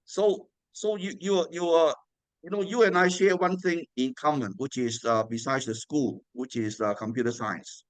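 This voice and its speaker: An interview host with a voice on the high side asks friendly, rambling questions peppered with "you know" fillers, at normal speed with fairly even intonation. The recording is dry and of low quality.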